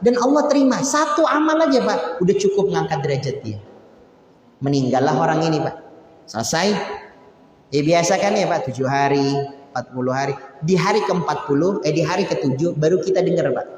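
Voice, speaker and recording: Male preacher, higher voice, chatty sermon with emphatic peaks, big reverberant mosque hall. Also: a little fast, darkish tone. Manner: conversational, addresses listeners as Pak, rising to emphatic peaks.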